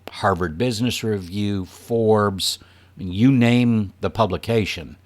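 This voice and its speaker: A man presenting a leadership training program to an audience in an earnest, emphatic way. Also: deep voice.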